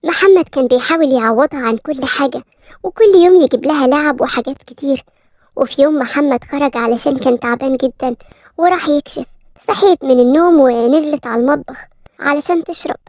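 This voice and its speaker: Egyptian woman, story narrator, brisk, high voice, fast, dry close sound. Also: a little mellow, dry recording. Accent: Egyptian Arabic.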